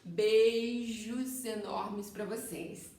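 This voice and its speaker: A woman's voice: medium pitch, fairly even intonation, drawn-out words, warm tone. Echoey far-off woman teacher explaining. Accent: Brazilian Portuguese. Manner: explanatory, checks in with "tá?" often. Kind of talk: recorded class review. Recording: very echoey room, somewhat far from mic.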